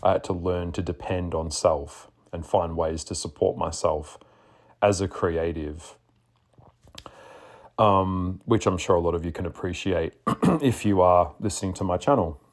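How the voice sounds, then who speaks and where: A man with a deep, husky, just-woken voice, chatting casually as a podcast host in a sassy, blunt way. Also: steady tone, unhurried. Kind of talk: casual spoken monologue.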